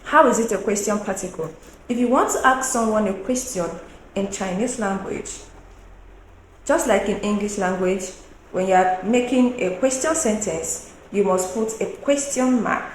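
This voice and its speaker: A woman teaching a Mandarin lesson, explaining slowly and deliberately, asking the viewer questions and singing out tone examples at a higher pitch. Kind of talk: online language lesson. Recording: roomy echo with faint background noise.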